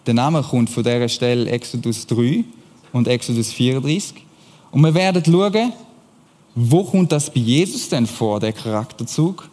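A man preaching a lively sermon, often asking his listeners questions. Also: medium pitch, moderate pace. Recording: long hall reverb.

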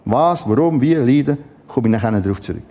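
A middle-aged man preaching a Bible teaching, dramatic and emphatic with exclamations and long pauses. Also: mid-range voice, lively intonation, mellow, highs cut off.

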